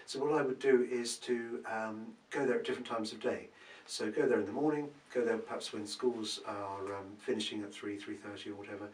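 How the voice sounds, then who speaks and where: A man, a property expert answering viewer questions in a casual Q&A, relaxed and thinking aloud with many ums. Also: fairly low pitch, brisk, few pauses. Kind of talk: casual advice Q&A. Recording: roomy, from a distance, faint background hum.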